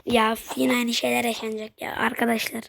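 High-voiced excitable woman streamer. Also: a little fast, gravelly. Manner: excitable, swears freely, jumpy outbursts. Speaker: gaming streamer. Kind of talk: casual let's-play commentary.

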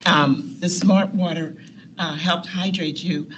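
Speaking slowly in a lowish voice with fairly even intonation, a woman nurse educator shares personal stories on a panel, often laughing and acting out quotes. She sits at a long table in a meeting room, and background noise is present.

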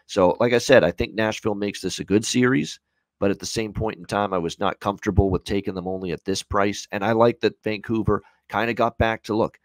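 A Canadian man in his thirties from the Hamilton area of Ontario talks through sports betting analysis in a conversational, wandering style, repeating phrases for emphasis. His fairly low voice stays steady and moves fairly quickly. He's on a video call from a small room at home, and there's no room sound.

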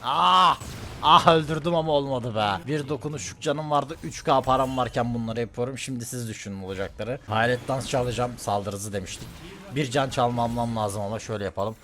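Commentating live on his own gameplay, a male streamer gets excitable, frequently shouting and repeating words in rapid bursts. He has a mid-range voice.

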